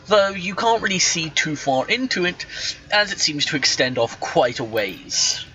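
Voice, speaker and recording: A man narrating as game master over a voice call, patient and halting as he describes the scene. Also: fairly high pitch, very animated, sharp tone, highs cut off, slight background noise.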